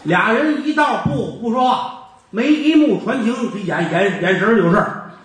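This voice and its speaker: A man's voice: high-pitched, expressive, normal speed. A man doing a stammering humble constable. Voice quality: heavy stutter. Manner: repeats syllables, modest and deferential. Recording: echoey hall from far off.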